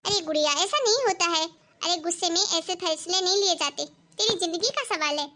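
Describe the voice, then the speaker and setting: A woman doing a shrill scolding cartoon mother. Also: moderate pace, sharp tone. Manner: lecturing, scolding. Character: scolding middle-aged Indian mother, stern but caring. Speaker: mother in animated family story. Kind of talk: animated cartoon voice acting.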